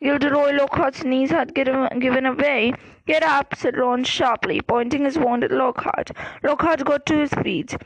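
A woman reading a fantasy novel aloud in a measured, careful way. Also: high-pitched, steady tone, no echo, low-quality recording. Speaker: audiobook reader. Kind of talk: fiction read aloud.

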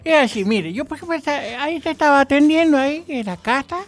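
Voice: sits high, lively intonation, fast. A cranky Argentine ancient stunt double, acted out for comedy. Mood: indignant. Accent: Argentine, Catamarca tonada. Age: very old, played. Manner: rambling, indignant, forgetful, defensive. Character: cranky, boastful ancient Hollywood stunt double, interviewed on radio. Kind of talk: comic radio interview sketch.

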